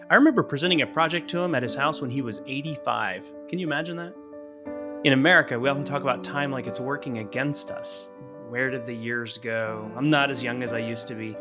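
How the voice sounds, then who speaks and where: A male podcast host with an earnest, reflective delivery. His voice sits in the middle range. Plucked guitar music plays clearly behind him throughout. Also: mid-range voice. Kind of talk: scripted podcast intro and interview.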